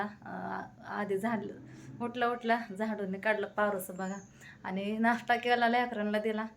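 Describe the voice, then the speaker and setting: A woman vlogger. She chats easily to her viewers and runs through her chores and phone calls in everyday, conversational speech, with a pitch in the middle range. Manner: chatty, recounting conversations. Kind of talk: casual home vlog.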